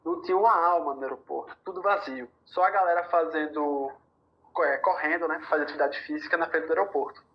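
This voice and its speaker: A man from Brazil tells a story in a relaxed podcast chat, voicing the other people's lines as he goes. He speeds through some bursts and slows down for others. The audio is somewhat dull and lo-fi. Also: fairly high pitch. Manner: animated, quotes dialogue, rushes through bursts. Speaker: podcast guest. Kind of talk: casual storytelling.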